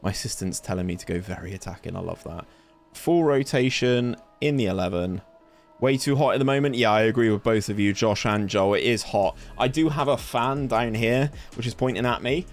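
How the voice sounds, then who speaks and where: Here is a young Englishman with a West Country accent, chatting his way through a live game stream at a mid-range pitch. He breaks off to react to the action and answer his chat, while faint music plays underneath. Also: fairly quick. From England. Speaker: gaming streamer. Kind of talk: casual live-stream commentary. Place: home room in summer heat, fan running.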